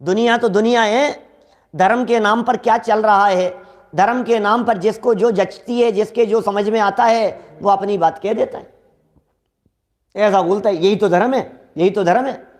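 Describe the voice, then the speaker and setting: A man's voice: high-pitched, unhurried. A man lecturing on scripture in a sermon, speaking straight to his listeners, repeating lines for emphasis and acting out everyday dialogue. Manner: animated, acts out quoted dialogue from daily life.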